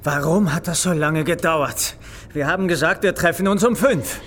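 A man playing a wry, sarcastic prisoner with his neck in a noose, in a radio play, his voice a little high. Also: moderate pace, fairly bright tone, natural voice. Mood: impatient. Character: dry-witted male prisoner hanging in a noose. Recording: reverberant room, faint hiss.

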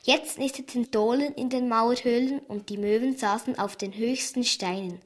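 Woman reader, lively storybook narration, slightly high voice. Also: moderate pace. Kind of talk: storybook reading.

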